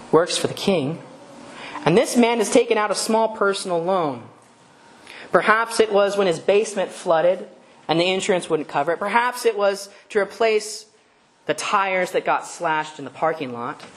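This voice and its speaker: A woman preaching a sermon in a conversational way, asking rhetorical questions and stopping to correct herself. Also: medium pitch.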